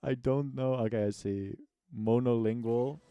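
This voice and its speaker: Clear and resonant, a mellow medium-pitched voice speaks at a measured pace with fairly even intonation and no room sound. It's an American man casually chatting on a gaming livestream, joking in slang and mock-complaining, while music plays behind.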